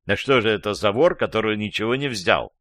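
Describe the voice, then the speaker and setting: A man's voice: fairly low pitch, expressive, fairly quick, fairly bright tone, dry recording, clean studio sound. A male audiobook reader voicing a jealous, sarcastic lover who jeers and gloats. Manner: sarcastic, gloating, laughing wildly. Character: angry, sarcastic jealous lover, adult man.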